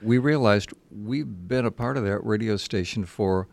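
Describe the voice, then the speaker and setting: Older man, seasoned broadcaster guest, lowish pitch, conversational interview delivery, dry close studio. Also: moderate pace, creaky, a little mellow, no echo. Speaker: veteran radio broadcaster, guest.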